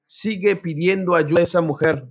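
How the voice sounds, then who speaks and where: A man's voice: a little high, moderate pace, husky. A man preaching a sermon, telling a personal story, reading scripture aloud and speaking directly to his listeners.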